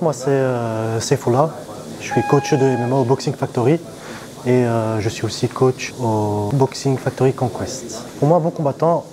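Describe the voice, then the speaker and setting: Un homme qui parle avec énergie en interview, sur fond de salle de sport animée. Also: male voice, medium pitch, low-quality recording. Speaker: MMA coach.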